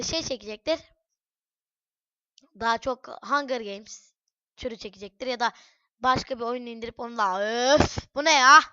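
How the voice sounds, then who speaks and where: A woman giving chatty let's-play commentary on a headset mic at home, cursing and breaking into loud shouts. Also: high voice, no room sound, muffled recording. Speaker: gaming channel host. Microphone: headset microphone.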